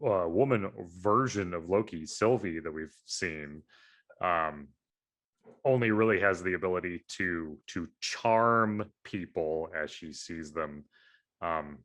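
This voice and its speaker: Deep-voiced man musing at length. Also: slow, a bit bright. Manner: analytical, rambling with fillers. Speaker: podcast co-host. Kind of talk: casual chat.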